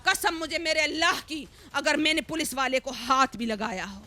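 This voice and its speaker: A woman's voice: high voice, sharp tone. A woman being interviewed for the news, insistently denying accusations in an indignant tone.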